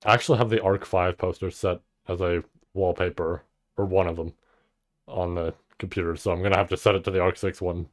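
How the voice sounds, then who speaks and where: A man with a very low voice talks through an anime episode in casual, offhand commentary. He muses aloud and lets a swear word slip when a scene impresses him. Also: brisk. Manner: musing, swears when excited. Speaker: anime reaction host.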